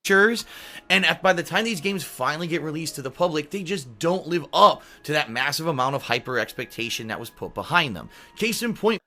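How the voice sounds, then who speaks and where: A man reads a prepared game review through a metallic robot-voice effect that is kept fairly tame. His voice sits a little high for a man and comes across bright and sharp. He sounds slightly under the weather. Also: animated, fairly quick. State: sick. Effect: metallic robot voice filter, fairly subdued. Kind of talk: scripted review narration.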